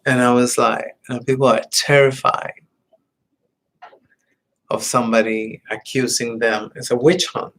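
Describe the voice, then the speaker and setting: Slow, halting man rambling to camera. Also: mid-range voice, little pitch movement, a bit bright, rough recording. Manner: halting, meandering, many fillers and restarts; drops to muttered, whispered asides. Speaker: vlogger. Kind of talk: casual rambling monologue.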